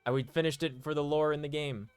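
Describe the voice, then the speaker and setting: A man's voice: a little high, steady tone, quick pace. A man streaming a video game with casual, slangy, laid-back commentary. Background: game music.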